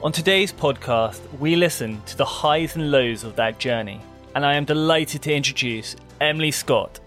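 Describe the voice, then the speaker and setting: Male podcast host, measured scripted delivery, music bed underneath. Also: fairly high pitch, a bit bright. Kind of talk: scripted introduction and questions.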